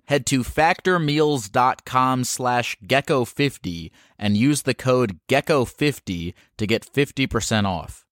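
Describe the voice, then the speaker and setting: A man's voice: mid-range voice, a bit bright, no echo, studio quality. A man hosting a podcast, talking to callers in a blunt, informal way. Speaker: podcast host. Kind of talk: casual call-in chat.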